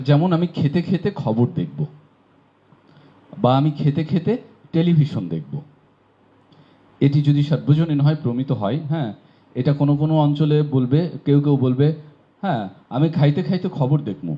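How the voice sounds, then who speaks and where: A man from Bangladesh teaching pronunciation in a classroom lecture, explaining patiently and asking rhetorical questions. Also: fairly high pitch. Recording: dull lo-fi recording.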